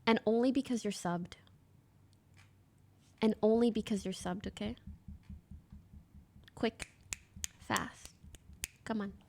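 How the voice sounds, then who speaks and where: A woman's voice: medium pitch, slow pace, creaky, long pauses, darkish tone, a little hiss or hum. A woman in her twenties from Canada, a streamer chatting bluntly and casually while reacting to clips and reading chat.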